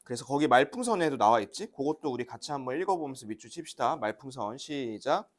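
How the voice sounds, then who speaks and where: A woman's voice: extremely low pitch, expressive, very fast. A woman teaching a math lesson to young children in a classroom, patiently asking questions and having the class repeat after her. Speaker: elementary school teacher.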